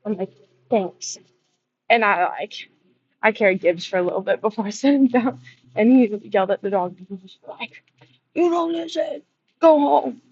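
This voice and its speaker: A young woman vlogger telling a casual storytime in a chatty, animated way. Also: mid-range voice, moderate pace, long pauses, no room sound. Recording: dull lo-fi with faint noise.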